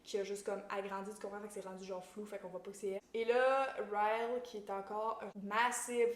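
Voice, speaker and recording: A woman with a Québécois French accent gives a casual, animated book recap. She mixes English slang into her French and acts out the characters. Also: mid-range voice, a little fast, reverberant. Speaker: book YouTuber.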